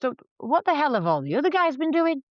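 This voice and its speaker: With a high, very animated voice at a fairly quick clip and no echo, a face painter in her 40s chats frankly as a podcast guest. The candid, casual conversation has lots of restarts, and the podcast audio is dull, dry, and lo-fi.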